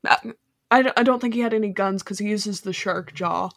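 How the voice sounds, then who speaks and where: A woman's voice: mid-range voice, fairly quick, a bit bright, no echo, studio quality. A woman hosting a casual podcast, recapping a movie's plot in a rambling way with lots of fillers. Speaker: podcast host.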